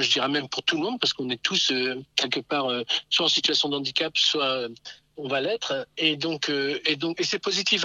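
A man's voice: fairly high pitch, sharp tone, no echo, low-quality recording. A man talking as a radio guest on speakerphone, hesitant, with many fillers and restarts. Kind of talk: phone interview.

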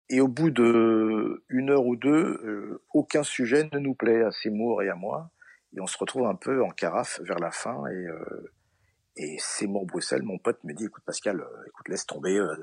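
Husky-voiced man telling old stories. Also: fairly low pitch, darkish tone. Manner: anecdotal, many fillers, acts out quoted dialogue. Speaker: interview guest, comedian. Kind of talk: relaxed storytelling.

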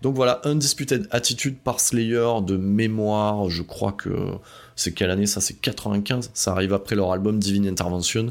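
A man's voice: fairly low pitch, fairly even intonation, normal speed. A man hosting a casual music podcast, talking loosely with lots of fillers and asides. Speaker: podcast host.

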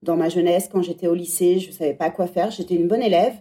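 Speaking quickly in a fairly low, mellow voice with fairly even intonation, this thirty-something woman reflects aloud as a podcast guest. She used to be a teacher and is being interviewed conversationally.

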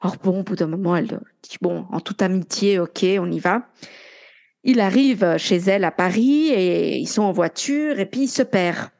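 A woman's voice: on the low side, animated, normal speed, vocal fry, a little mellow. A young woman co-hosting a podcast, casually retelling a true-crime story and chatting along with her co-host. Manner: chatty, retells events with quoted dialogue.

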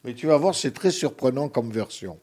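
A man's voice: medium pitch, animated, normal speed, mellow, husky. A man chatting casually on a radio panel, adding short remarks.

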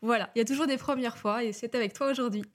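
A woman coach talks as a podcast guest in a slightly high voice. She explains at length, pausing often with small hesitations and a touch of nerves. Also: fairly even intonation. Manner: talkative, many hesitations, a bit nervous. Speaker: guest, life and breathwork coach. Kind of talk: casual interview chat.

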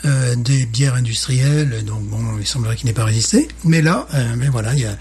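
A man's voice: medium pitch, lively intonation, brisk, a little mellow, a little hiss or hum. A man with a Parisian French accent chatting casually as co-host of a beer tasting podcast, enthusiastic and often repeating himself.

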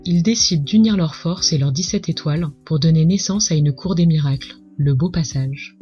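A woman's voice: low voice, moderate pace, warm tone, lo-fi sound. A woman with a French accent narrating a scripted story as the host of a culinary podcast. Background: music.

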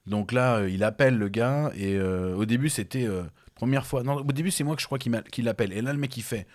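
A young man spins an animated story for a friend in loose, slangy casual chat. He laughs often as he talks. His voice sits at a middling pitch. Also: quick pace.

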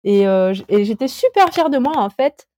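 A woman's voice: on the high side, lively intonation, moderate pace, warm tone. A woman in her thirties, a climber guest on a podcast, chatting casually and hesitantly with many fillers and restarts. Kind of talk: casual interview chat.

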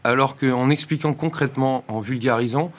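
A man giving explanatory answers as an interview guest, measured and articulate, pausing between phrases. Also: mid-range voice. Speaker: institute director and founder, interview guest.

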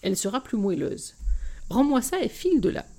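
A woman's voice: fairly low pitch, animated, quick pace, gravelly, dark tone, husky, full character voice. A woman reading a romance aloud, voicing a bustling mother who laughs while she scolds her son in the kitchen. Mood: amused scolding. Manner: cheerful, scolding. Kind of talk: audiobook reading.

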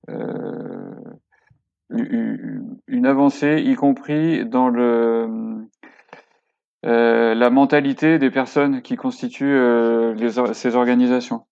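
A man's voice: mid-range voice, fairly even intonation, slow, gravelly, darkish tone, smooth, muffled recording. A man speaking as a guest on a casual podcast interview, hesitant with many fillers and restarts but enthusiastic. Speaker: podcast guest, workshop co-creator.

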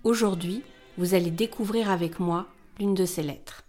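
A woman in her forties, a blogger and host, gives calm, intimate, confiding scripted narration. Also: on the low side, moderate pace, soft background music. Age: 40s.

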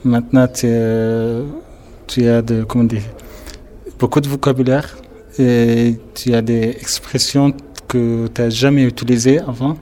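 Syrian student with a mellow voice. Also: male voice, medium pitch, level tone, unhurried. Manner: hesitant, searching for words. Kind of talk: interview.

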